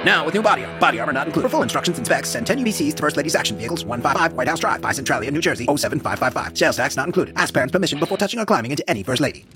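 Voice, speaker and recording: Cartoon announcer played by a man, high gravelly hype voice, loud music. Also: animated, very fast, few pauses, lightly acted. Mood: rapid disclaimer. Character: hyped male commercial announcer. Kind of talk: excited toy ad announcer.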